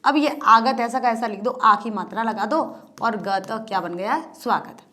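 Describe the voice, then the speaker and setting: A woman's voice: on the high side, moderate pace, bright, forceful tone. A woman teacher explaining a grammar lesson step by step, often repeating points as rhetorical questions. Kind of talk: Hindi grammar lesson at a board.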